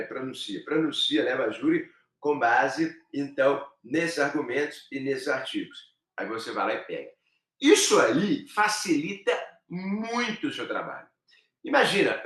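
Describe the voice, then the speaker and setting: A middle-aged Brazilian man teaching a live online law class, lively and addressing his students directly. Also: fairly high pitch. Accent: Brazilian Portuguese. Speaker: law professor. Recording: echoey room.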